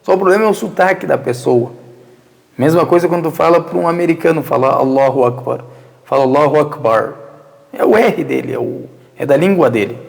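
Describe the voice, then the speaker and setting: A man's voice: fairly high pitch, lively intonation, fast, creaky, long reverb tail. A man from Brazil with a Brazilian Portuguese accent giving an informal religious lesson, answering listeners' questions and often posing rhetorical questions that he answers himself. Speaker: religious teacher. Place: mosque prayer hall.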